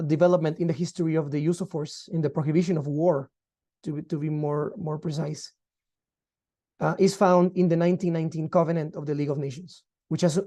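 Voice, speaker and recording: Very dark-voiced man lecturing. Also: a little high. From Guatemala. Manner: measured, formal, explanatory. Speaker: law lecturer. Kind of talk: online lecture.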